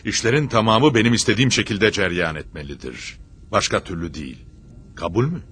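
An actor playing an imperious prince in a historical drama, speaking in a stern, formal, commanding manner. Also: male voice, fairly low pitch, animated, brisk, a bit bright, slight background noise. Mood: commanding, resolute. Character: imperious young prince asserting his own authority.

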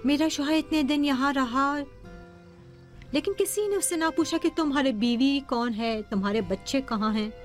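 A woman plays a troubled mother in a TV drama, speaking high and politely. Soft music plays faintly underneath. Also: lightly acted. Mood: hurt. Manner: polite, hurt. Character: worried mother, a wife defending herself. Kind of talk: dubbed TV drama acting.

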